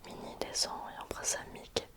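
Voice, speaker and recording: A woman reading a bedtime story in a hushed, soothing ASMR whisper, quiet as at night, gently addressing the listener as if a child. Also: brisk.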